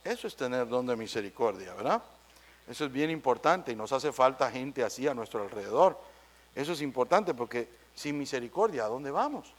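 A man preaching a sermon, animated and acting out small scenes between people. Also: mid-range voice, brisk. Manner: animated, acts out little dialogues with shifting voices.

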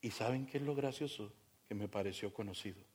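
Animated storytelling pastor, a man. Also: lowish voice, brisk, breathy edge. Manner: animated, acts out dialogue, talks directly to congregation. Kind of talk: humorous sermon storytelling.

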